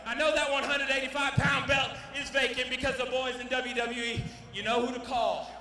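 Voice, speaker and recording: A man's voice: very high voice, little pitch movement, normal speed. A man, a fighter, giving a brash, boastful post-fight promo into a handheld mic in an arena. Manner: brash, boastful, shouting over the crowd. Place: convention center arena. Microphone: handheld interview mic. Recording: echoey arena hall from far off.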